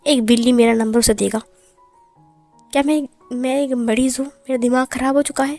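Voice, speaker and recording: A woman's voice: sits high, fairly even intonation, moderate pace, a little mellow, no room sound, faint music behind. A woman voicing a hot-tempered young male mafia boss who fires off angry, demanding questions.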